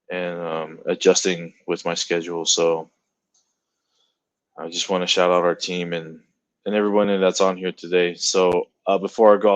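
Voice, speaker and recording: A man giving a relaxed, upbeat check-in update as a community coordinator, talking casually with fillers over a video call. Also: low voice, dry recording, muffled recording.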